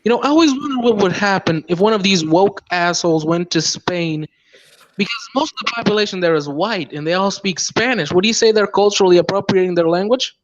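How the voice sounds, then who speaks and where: A man's voice: high-pitched, brisk. A man speaking bluntly and swearing freely in a casual online chat. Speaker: stream guest. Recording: dull lo-fi audio.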